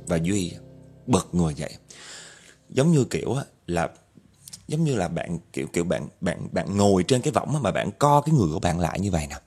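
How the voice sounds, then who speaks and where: Guy telling a horror story, low voice, swings up and down a lot, faint music behind. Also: warm tone. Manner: dramatic, addresses listeners directly.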